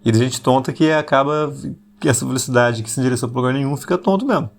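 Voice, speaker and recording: A man, hosting an intimate late-night podcast monologue and deliberately talking slower and lower, though he still slips into speaking fast. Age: 40s. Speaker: podcast host.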